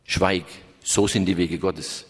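A man putting on a stern, slow angel. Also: low voice, fairly even intonation, breathy edge, pitched below the performer's own voice, exaggerated voice. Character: solemn male angel disguised as travel companion. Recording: reverberant hall.

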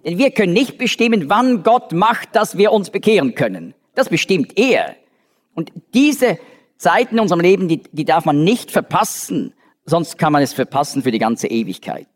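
A man's voice: high-pitched, sing-song, moderate pace. A man giving a Bible study lecture, explaining step by step with frequent restarts and fillers. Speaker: Bible teacher. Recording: long reverb of a large hall.

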